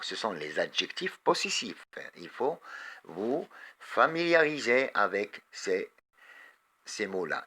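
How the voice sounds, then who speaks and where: Man, Moroccan accent, teacher reading aloud, unhurried pace, crisp bright tone. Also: fairly low pitch. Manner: reads words and sentences aloud slowly, then quizzes pupils. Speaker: French teacher. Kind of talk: slow, deliberate classroom lesson.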